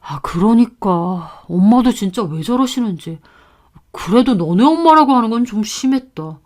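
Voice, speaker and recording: A woman voicing a tired husband who tries to calm his mother and his wife. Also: a little high, moderate pace, natural voice. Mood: weary. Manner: placating, tired. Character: weary husband caught in the middle.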